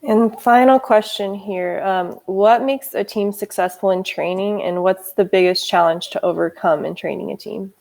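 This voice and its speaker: A woman with a gravelly, creaky voice puts brief, direct questions to a guest. Her pitch sits in the middle range. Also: normal speed, hardly any pauses, darkish tone. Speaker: interviewer.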